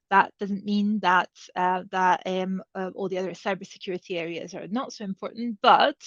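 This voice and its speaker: At a career advice evening, a panel speaker from Serbia whose first language is Hungarian tells her career story in a loose, conversational way, full of ums and restarts. Her medium-pitched voice is recorded close and dry, with no room sound, and the audio is dull and a bit lo-fi.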